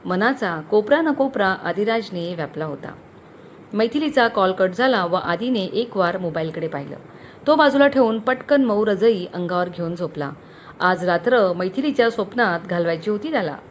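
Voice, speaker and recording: A woman's voice: medium pitch, expressive, moderate pace, a little hiss or hum. Woman storyteller reading a romantic tale. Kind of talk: scripted story narration.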